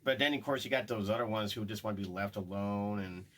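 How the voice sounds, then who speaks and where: A man's voice: on the low side, fast talker, a bit bright, low-quality recording. A man chatting casually on a podcast as a paranormal investigator, rambling and acting out what spirits say.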